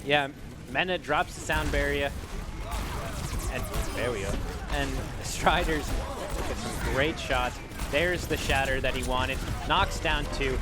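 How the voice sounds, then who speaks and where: A young man with a Boston accent doing excitable, joking play-by-play commentary on an esports match. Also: on the high side. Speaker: esports caster. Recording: steady background noise.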